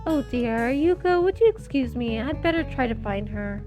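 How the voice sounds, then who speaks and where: A woman voicing a composed, polite teenage girl in a visual novel, speaking in a gentle, measured way. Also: high voice, animated, music in the background, voice pushed down. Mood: concerned.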